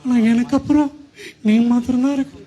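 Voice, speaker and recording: A man's voice: extremely high pitch, steady tone, fairly quick, warm tone. A man playing a widowed father who tearfully and repeatedly pleads with his only son not to leave. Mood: tearful pleading. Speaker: father in a church skit.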